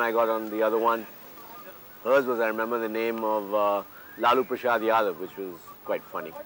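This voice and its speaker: A man's voice: mid-range voice, fairly bright tone, low-quality recording. A middle-aged man recounting a trip in casual, anecdotal storytelling.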